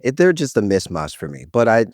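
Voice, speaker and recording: A man's voice: lowish voice, sing-song, a little fast, a little mellow, dry recording, clean studio sound. A man playing as a guest contestant on a trivia podcast, laid-back and joking in casual banter.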